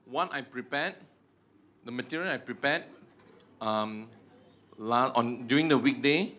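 Speaking at a measured pace, the man has a medium-pitched, slightly bright voice and a Malaysian accent. His talk to a church group is comic and self-deprecating, with "ah" and "huh" tacked onto his sentences.

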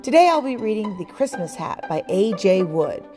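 A woman hosting a podcast, reading a children's book aloud in a calm, clear, steady way. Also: mid-range voice, normal speed, music in the background. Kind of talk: storybook read-aloud narration.

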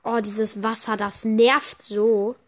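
Chatty woman gaming and talking to her podcast listeners, kinda high voice, lots of excited slangy outbursts. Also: slow pace. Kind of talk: casual gameplay commentary.

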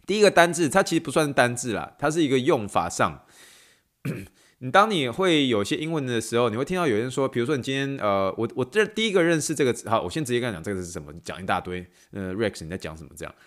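A man's voice: mid-range voice, very animated, quick pace, fairly bright tone. A man hosting a podcast, tired from recording late at night, who teaches in a playful way and mixes in English phrases. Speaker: podcast host and athletic trainer.

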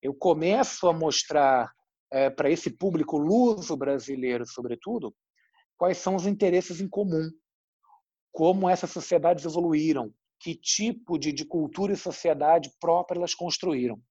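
A Brazilian man from Rio de Janeiro, a journalist with a husky voice, explaining his views at length in an interview. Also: on the high side, moderate pace, dark tone, dry recording, lo-fi sound. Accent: Rio de Janeiro Brazilian Portuguese. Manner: explanatory, thoughtful, frequent "né?" tags. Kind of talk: interview answers.

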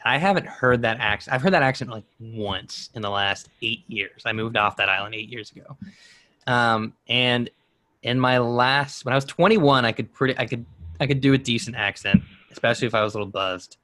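A man's voice: mid-range voice, fairly quick, bright, forceful tone, no room sound. A man in his twenties co-hosting a podcast, rambling through a story and laughing at himself. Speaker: podcast co-host. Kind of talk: casual chat.

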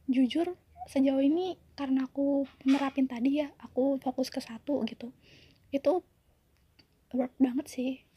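A woman's voice: high-pitched, steady tone, unhurried, pauses often, warm tone, no echo. A young woman in her twenties sharing a personal story in a casual, confiding way, full of fillers. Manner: chatty, confiding, many fillers.

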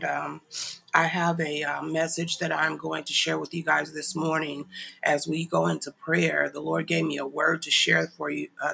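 A man with a slightly high, gravelly voice, pushed and bright, sounds nasal and stuffy from a congested nose, with a little hiss or hum on the recording. Hosting an online prayer ministry livestream, he talks informally to followers, apologizing and adding chuckling asides.

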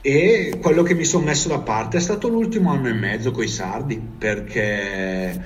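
A man's voice: medium pitch, normal speed, slight background noise. Slangy northern Italian man, off the mic. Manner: rambling, slangy, swearing. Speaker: storyteller recalling life abroad. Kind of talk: casual storytelling chat. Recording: distant mic.

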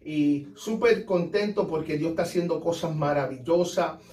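A man's voice: on the high side, moderate pace, a little mellow. A man, a pastor, giving a fervent testimony on a radio program and repeating praise phrases after nearly every sentence. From United States. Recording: roomy sound, distant mic.

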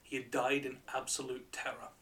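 A man hosting a show as a bright, curious, joking presenter, telling stories in a light-hearted, conversational way. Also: mid-range voice, completely flat delivery, normal speed, recorded from a distance. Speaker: podcast and radio show host.

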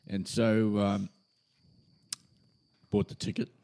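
A man's voice: lowish voice, slow pace. An older Australian man telling a personal story in casual chat and acting out the people he quotes. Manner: animated storyteller who acts out quoted voices. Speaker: podcast guest, retired minister.

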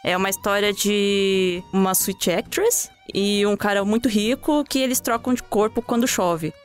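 A woman's voice: mid-range voice, moderate pace, soft background music. A woman co-hosting a casual chat podcast, talking at length and explaining things in long run-on lists. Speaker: podcast co-host.

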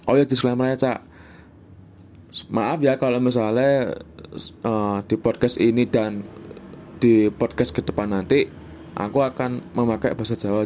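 Javanese-accented young man, mellow voice. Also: mid-range voice, a little hiss or hum. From Indonesia. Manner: rambling, mixes Javanese and English phrases. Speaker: podcast host. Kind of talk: casual solo podcast chat.

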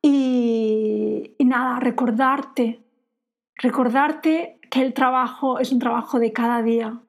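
A woman's voice: fairly high pitch, steady tone, slow. A woman hosting a podcast as a coach for women entrepreneurs, talking in an earnest, encouraging way and repeating phrases for emphasis. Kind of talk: motivational podcast monologue.

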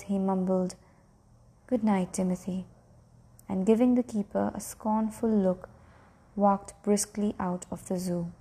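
A woman narrating a story aloud in a steady, measured reading voice. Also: mid-range voice, creaky, breathy edge.

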